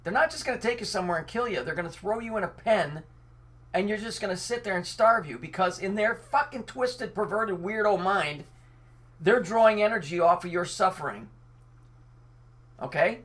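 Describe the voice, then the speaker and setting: At a moderate pace, an online commentator with a slightly bright, mid-range voice rants angrily. The monologue alternates between reading news and cutting in with profane sarcasm.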